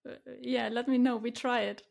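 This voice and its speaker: Brief: German-accented woman guest, slightly high voice, cheerful, laughs easily, restarts sentences. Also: fairly even intonation, moderate pace, gravelly, darkish tone. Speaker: guest, community organizer. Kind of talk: casual interview chat.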